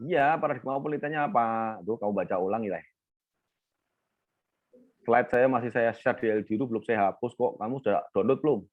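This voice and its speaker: A man's voice: mid-range voice, a little fast, phone-quality sound. A male lecturer, teaching an online class and teasingly quizzing students by name.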